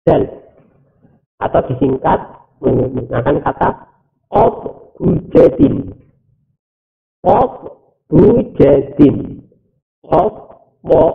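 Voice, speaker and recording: A man teaching Quran recitation rules, explaining step by step and reciting verses slowly with drawn-out words. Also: fairly high pitch, creaky. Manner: slow, deliberate, drawn-out recitation with repetition. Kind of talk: recorded teaching video. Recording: tinny, phone-like, narrow sound.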